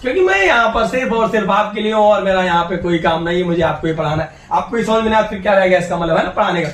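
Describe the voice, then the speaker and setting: High-voiced and animated, this man speaks rapid-fire with a fairly bright tone. He teaches English grammar as in a classroom, drilling students by asking and then answering his own questions, and directly encouraging and coaxing the children. It's an echoey room, and his voice sounds distant.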